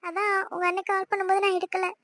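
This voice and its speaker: A woman voicing a gentle young wife. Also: extremely high pitch, flat delivery, quick pace, dry recording, clean studio sound, pitched above the performer's own voice. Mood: apologetic. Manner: soft, apologetic, bewildered. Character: gentle young Tamil wife, sister-in-law. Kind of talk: cartoon voice acting.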